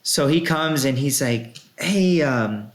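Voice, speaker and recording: A man's voice: medium pitch, animated, slow pace. A man in his late thirties hosting a casual podcast, telling stories in a laid-back way with fillers. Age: 30s. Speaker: podcast host. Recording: roomy echo.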